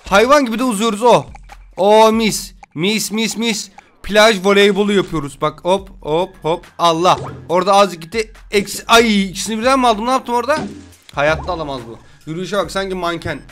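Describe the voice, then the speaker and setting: A young man commentating a mobile game he plays on his computer, loud and excitable, often shouting and laughing at it. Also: high-pitched, fairly quick, soft background music. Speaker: gaming YouTuber.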